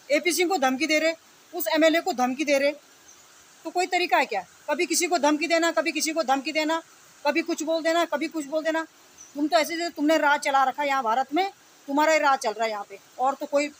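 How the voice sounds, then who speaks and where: Brisk and high-voiced, this woman is an online video commentator confronting her opponents in an unplanned, indignant tirade. She scolds them using repetition and rhetorical questions while steady background noise runs underneath.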